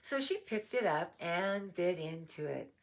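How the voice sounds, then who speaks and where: Slow, lively woman reading a storybook. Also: lowish voice. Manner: slow, animated, chatty asides. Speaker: storybook reader. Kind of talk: reading a picture book aloud to a dog.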